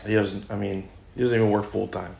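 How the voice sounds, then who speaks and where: A man's voice: lowish voice, level tone, fairly quick, creaky, darkish tone, slight background noise. A young man co-hosting a podcast from a cold garage, coughing as he recovers and cracking dry, crude jokes. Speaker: podcast co-host. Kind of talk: casual banter. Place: unheated home garage. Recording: echoey garage recording.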